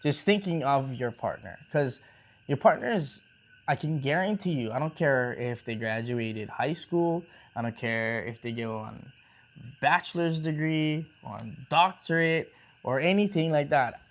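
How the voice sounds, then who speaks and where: A man co-hosting a relaxed talk show with his partner, rambling casually with restarts and easygoing slang. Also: medium pitch, a little slow. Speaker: co-host of a couple's talk show. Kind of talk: casual chat.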